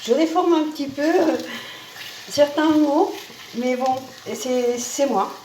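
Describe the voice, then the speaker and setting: A woman's voice: high voice, slow pace, a little mellow. Chatty woman cooking at a distance. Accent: Spanish. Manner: chatty, repeats "hein" and "voilà", restarts words. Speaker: home cooking video host. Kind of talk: casual cooking demonstration. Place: home kitchen with a sizzling pan. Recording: roomy distant kitchen sound, faint noise.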